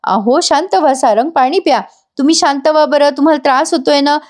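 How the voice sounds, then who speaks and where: A woman voicing a proud young wife who tries to calm her husband in a serial recap. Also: sits high, fairly quick, voice pushed up, natural voice. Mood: soothing.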